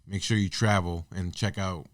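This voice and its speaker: Deep-voiced and steady, this thirty-something artist and business owner appears as a guest on a podcast, speaking at a moderate pace. The interview is a casual chat, earnest and reflective, with loose restarts, captured dry with clean studio sound.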